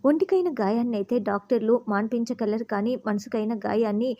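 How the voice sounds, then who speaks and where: A woman's voice: on the high side, a little fast, warm tone, lo-fi sound. A woman voicing a desperate young woman who earnestly begs for help. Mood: pleading. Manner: begging, earnest.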